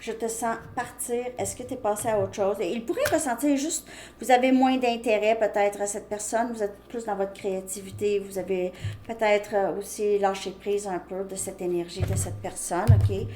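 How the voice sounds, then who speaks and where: A woman's voice: medium pitch, steady tone, moderate pace, mellow. A woman giving a casual tarot card reading, chatty and thinking aloud with lots of fillers. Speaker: tarot reader. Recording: echoey room, faint background noise.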